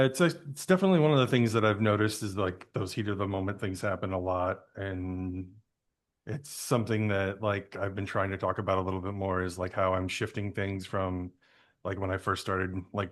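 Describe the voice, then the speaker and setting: A man hosts a podcast and chats casually with his guest. His voice sits low for a man, and he speaks in an easygoing way, often pausing and reaching for "uh" and "like". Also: steady tone. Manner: hesitant, many fillers, easygoing. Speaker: podcast host. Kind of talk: casual interview.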